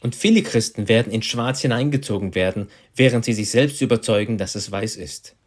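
A man's voice: on the low side, fairly quick. A man interpreting a sermon, repeating each of the preacher's phrases right after him.

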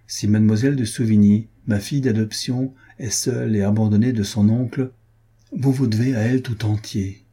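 A man's voice: on the low side, mellow, breathy edge. A man reading as a grave old nobleman's letter. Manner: solemn, grave.

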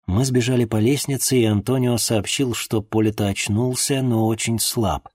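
A man reading a first-person story aloud in an expressive narrating manner. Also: mid-range voice, normal speed, husky. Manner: expressive, acts out the dialogue. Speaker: audiobook narrator.

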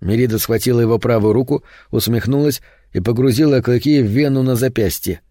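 Male audiobook narrator, dark mellow voice, horror reading. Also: mid-range voice, no echo, studio quality. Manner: steady, measured storytelling.

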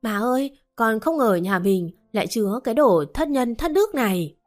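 A woman's voice: a little high, expressive, moderate pace, a little mellow, faint music behind, lightly acted. A woman voicing the young daughter of the house, speaking with reproach. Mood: reproachful.

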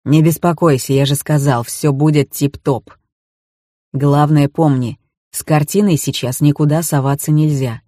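A woman reading an audiobook, voicing a rude, scheming young man who talks gruffly and dismissively. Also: low-pitched, fairly even intonation, unhurried, mellow, no room sound, studio quality.

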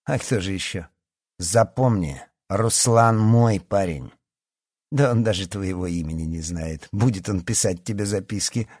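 A man reading an audiobook and voicing a cruel, scornful teenage girl who speaks slowly and coldly. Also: low voice, darkish tone, slightly rough, no room sound, studio quality. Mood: cold mocking. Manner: slow, cold and contemptuous.

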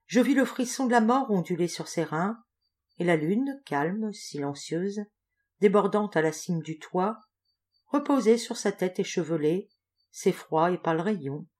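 A woman reading a classic story aloud as a volunteer audiobook reader, in an expressive, dramatic narrating style. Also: on the low side, a little slow.

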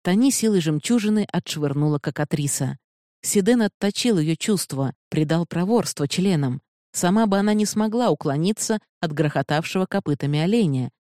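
Steady audiobook narrator. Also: mid-range voice, moderate pace, no room sound, clean studio sound.

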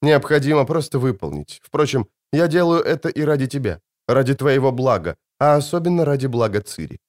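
A man's voice: mid-range voice, lively intonation, a little fast, pitched above the performer's own voice, close to an everyday voice. A man voicing a commanding adult sorceress in a fantasy audiobook, speaking curtly. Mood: firm. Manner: curt, then softening. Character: Yennefer, commanding sorceress woman.

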